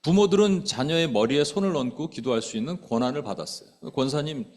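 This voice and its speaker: A middle-aged male pastor giving a conversational sermon, asking the congregation questions and acting out quoted speech with sudden loud outbursts. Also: fairly high pitch, expressive, fast. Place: church sanctuary.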